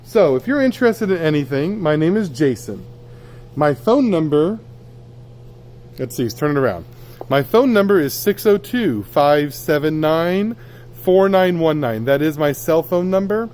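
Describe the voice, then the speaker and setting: A man's voice: on the high side, animated, unhurried, darkish tone. A plain-spoken man giving a casual, off-the-cuff sales tour of stock while walking through a warehouse. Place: indoors in a cluttered warehouse, walking.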